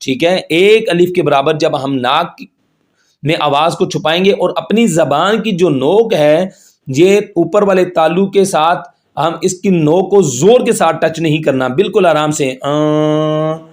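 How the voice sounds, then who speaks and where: A man teaches tajweed in a steady, patient way. He explains each rule step by step, often checks in with his students, and recites the Arabic examples slowly with long held sounds. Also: on the high side. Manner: patient, repeats each point and checks in with "theek hai"; chants Arabic words slowly and stretched out. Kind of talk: tajweed lesson.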